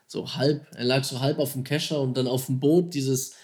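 A man casually and excitedly retelling how he caught a huge fish, slangy and animated, acting out his own thoughts and phone calls. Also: mid-range voice, moderate pace. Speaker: angler telling a fishing story. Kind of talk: casual storytelling.

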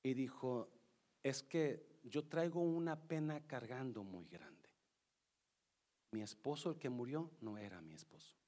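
A man's voice: mid-range voice, animated, measured pace. A middle-aged man preaching a sermon, telling a personal story and mixing English words into Spanish. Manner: shifts from loud reading to soft storytelling. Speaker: pastor.

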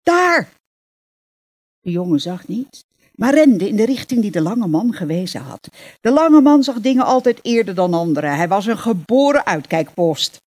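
A woman reads a novel aloud in a measured, expressive way. Her voice is breathy and slightly husky, at an ordinary middle pitch for a woman. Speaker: reader.

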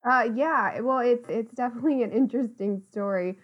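A woman's voice: fairly high pitch, fairly quick, highs cut off. A woman, a guest chatting in a casual podcast interview, friendly and laughing often. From Ohio, USA. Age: 30s.

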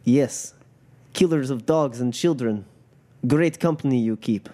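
A man playing a proud, bitter captive crime boss in a tabletop game, speaking in measured, formal, disdainful phrases. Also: medium pitch, dark tone, lightly acted. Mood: bitter sarcasm.

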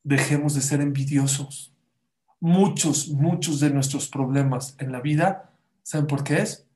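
A man's voice: fairly high pitch, fairly even intonation, unhurried, warm tone. Male religious speaker, emphatic motivational sermon, slightly raised voice, roomy echo. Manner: emphatic, keeps asking the audience rhetorical questions. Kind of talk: motivational sermon to a live audience. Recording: echoey room.

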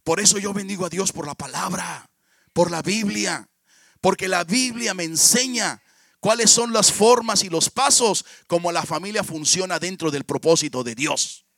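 A man's voice: high-pitched, normal speed, creaky, fairly bright tone, dry recording, clean studio sound. A man in his fifties with a Mexican Spanish accent, preaching a sermon, telling stories and often calling out to the congregation. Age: 50s. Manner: storytelling, often calls out to the congregation.

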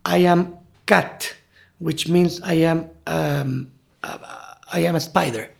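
Man, Mexican Spanish accent, Spanish native, slightly high voice, gravelly, philosophical, pauses for words. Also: steady tone. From Mexico City. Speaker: guide. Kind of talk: reflective interview talk.

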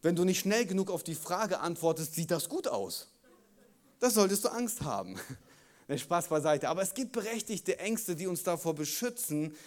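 Lively preaching man, higher voice. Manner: lively, shifts between loud emphasis and quiet intensity; jokes with listeners. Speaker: pastor. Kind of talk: sermon.

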